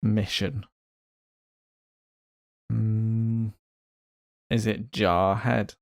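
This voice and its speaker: A man's voice: fairly low pitch, level tone, drawn-out words, vocal fry, dry recording, clean studio sound. A man co-hosting a casual podcast chat, guessing aloud in a playful way with lots of hesitation. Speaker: podcast co-host.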